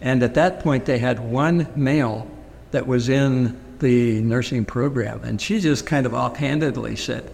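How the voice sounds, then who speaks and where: In an oral history interview, a man from Pennsylvania whose first language is Pennsylvania Dutch recalls his upbringing, speaking hesitantly with many fillers and restarts. His voice is gravelly and darkish, medium in pitch, with a measured pace. The recording carries a long reverb and faint noise.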